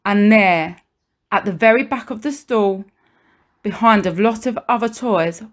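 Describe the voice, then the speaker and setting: A woman reads a children's storybook aloud in a mid-range voice, sounding like a primary teacher. Her reading is expressive, marked by deliberate pauses and emphasis meant for young listeners.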